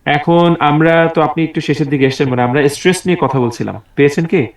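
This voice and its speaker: A man's voice: fairly high pitch, fast talker. A man teaching an online English class over a video call, patient and encouraging as he drills words aloud. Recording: roomy, distant video call audio.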